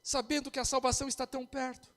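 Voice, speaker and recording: Brazilian pastor guy, really high voice, impassioned sermon, long hall echo. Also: little pitch movement, fast, fairly bright tone. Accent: Brazilian Portuguese. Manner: impassioned preaching.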